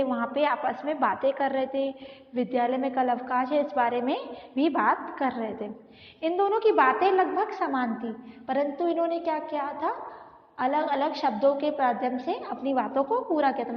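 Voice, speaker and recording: A woman teacher giving an online class for children, asking questions and answering them herself, mixing in English words. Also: high-pitched. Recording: echoey hall, dull lo-fi sound.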